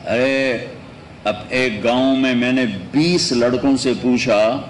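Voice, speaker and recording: A male preacher tells stories in an emotive sermon. His voice sits at an ordinary middle pitch, and he moves between loud, raised lines and hushed, low ones. A faint hiss runs under his voice. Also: low-quality recording. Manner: emotive, dramatic swings between loud and soft. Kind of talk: storytelling sermon.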